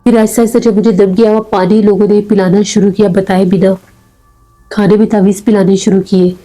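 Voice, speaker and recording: Woman with a very dark, mellow voice. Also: mid-range voice, low-quality recording. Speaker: horror story narrator. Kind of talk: first-person horror storytelling.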